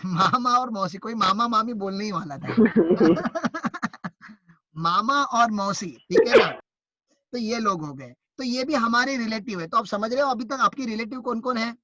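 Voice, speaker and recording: A man with an Indian accent teaching an online class, lively and teasing as he quizzes his students. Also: high-pitched, normal speed, no room sound, highs cut off.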